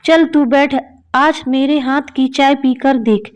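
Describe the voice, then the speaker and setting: A kindly older mother-in-law in a spoken storybook, doting and insistent, read by a woman. The voice sits high and moves along slowly, coaxing rather than commanding. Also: steady tone. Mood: affectionate. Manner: affectionate, coaxing.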